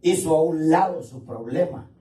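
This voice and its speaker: A man's voice: on the high side, normal speed, warm tone, echoey room, recorded from a distance, poor audio. A man preaching a sermon to his congregation in a casual, talkative way, calling listeners "brother". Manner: colloquial preaching, addresses listeners as "hermano". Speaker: pastor. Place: church.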